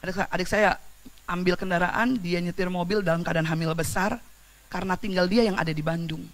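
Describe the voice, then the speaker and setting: A woman preaching a sermon in church, casual and lively, swinging between loud exclamations and quiet storytelling, with slang and questions to the congregation. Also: lowish voice, fairly quick.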